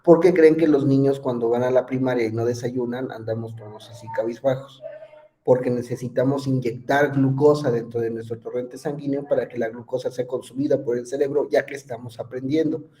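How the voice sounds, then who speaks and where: Chatty lecturer with a mellow voice. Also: male voice, mid-range voice, fairly even intonation, a little fast. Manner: conversational, asks students questions, many fillers. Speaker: psychology lecturer. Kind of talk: online class lecture.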